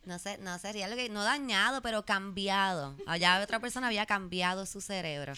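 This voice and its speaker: Puerto Rican woman, podcast co-host, casual chat, lively and joking, crisp clear tone. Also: mid-range voice. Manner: animated, quick to joke and laugh, mixes in English.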